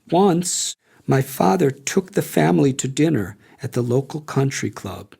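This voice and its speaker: A man reading a memoir aloud as an audiobook narrator, measured and reflective. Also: mid-range voice, vocal fry, slightly rough. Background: soft guitar music.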